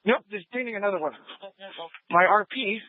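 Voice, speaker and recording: A man's voice: sits high, normal speed. A man in the field calling out terse, urgent updates during a chase, heard over a police scanner radio. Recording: dry, tinny radio band.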